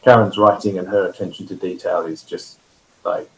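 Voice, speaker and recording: Fairly low voiced guy running a panel on a video call, chatty, laughs a lot, cuts in. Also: level tone, normal speed, low-quality recording. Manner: chatty, laughs easily, jumps in. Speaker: panel moderator. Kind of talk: online panel discussion.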